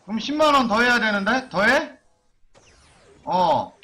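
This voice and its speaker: A man's voice: sits high, sing-song, a little slow, bright, forceful tone. A man streaming an online game live, chanting and cursing as he gambles on item upgrades.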